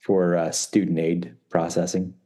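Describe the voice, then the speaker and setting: A man's voice: deep voice, flat delivery, measured pace, warm tone. A middle-aged man co-hosting a podcast, chatting casually and joking around with playful put-on voices. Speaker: podcast co-host. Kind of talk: casual chat.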